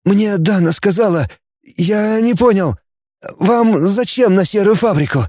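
A man's voice: high voice, measured pace, darkish tone, no room sound, voice pushed up. A timid, hesitant man in an audiobook, his voice raised and wavering with eagerness as the male reader puts him on. Close, dry recording.

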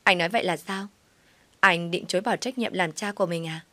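A woman's voice: lowish voice, fairly quick, sharp tone, no room sound. A woman voicing a pregnant young woman who pleads, accuses and cries out to a crowd. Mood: furious. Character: pregnant young woman, shrill, clingy and combative.

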